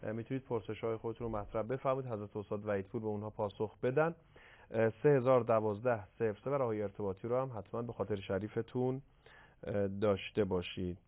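A low-pitched man hosts a live TV program, reading viewer questions in a steady tone. His delivery is measured and halting, with frequent fillers, and the broadcast audio sounds thin and tinny like a phone line.

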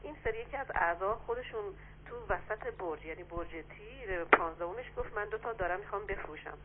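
A woman calling in to a radio show, asking questions hesitantly with many pauses and fillers. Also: medium pitch. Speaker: caller. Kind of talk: phone call-in question. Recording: tinny phone line with faint noise.

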